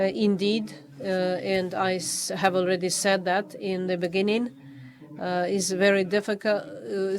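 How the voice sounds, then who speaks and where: In flat, unchanging pitch, a Polish man reads his formal review as the official reviewer at a thesis defense. His English comes out hesitantly, with many pauses, restarts and false starts.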